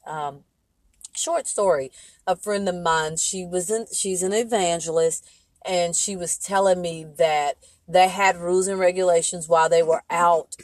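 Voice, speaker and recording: A woman's voice: fairly low pitch, no echo. A woman talk show host, earnestly telling a faith story with preacher-like repetition and emphasis.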